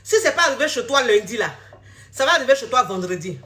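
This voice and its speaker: A woman's slightly high, fairly bright voice moves at a quick pace with lively intonation as she coaches viewers on relationships. In this direct-to-camera social media talk she is blunt and scolding and repeats herself.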